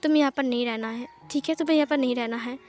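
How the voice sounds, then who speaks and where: A woman's voice: high voice, racing, a little mellow, soft background music, natural voice. A woman doing a soothing young man. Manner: soothing, reassuring. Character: gentle young man comforting a friend.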